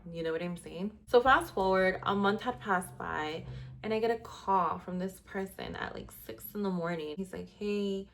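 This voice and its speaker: A woman's voice: medium pitch, normal speed, vocal fry, a bit bright, slight background noise. A young woman in her twenties telling a personal story in casual storytime style, chatty and full of "like" fillers, dropping the odd Spanish word. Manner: chatty, frequent "like" fillers, slips into Spanish words. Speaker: vlogger.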